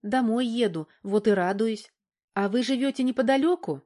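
Brief: woman doing a higher-pitched, defiant young girl for a storybook reading. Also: moderate pace, mellow, natural voice. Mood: cheerful. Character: young girl, frightened, then cheeky and defiant.

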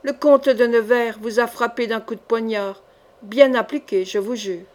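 A woman reading the part of a sinister male poisoner in an audiobook, cold and boastful, in her own slightly high voice. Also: fairly even intonation, normal speed, darkish tone, lightly acted.

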